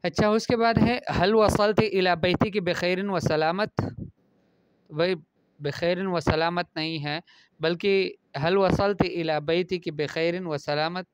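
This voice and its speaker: Man teaching Arabic pronunciation, smooth voice. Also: sits high, steady tone, no echo. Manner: reads Arabic phrases then explains them. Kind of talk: classroom lesson explaining Arabic pronunciation in Urdu.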